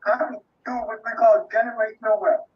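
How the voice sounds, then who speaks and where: A man in his sixties closing a live online class as the instructor, halting and full of fillers and restarts. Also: high-pitched, steady tone, lo-fi sound. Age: 60s.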